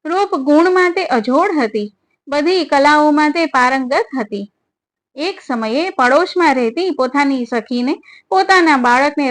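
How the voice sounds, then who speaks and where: A woman narrating devotional religious stories in a steady, measured reading style. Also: high-pitched.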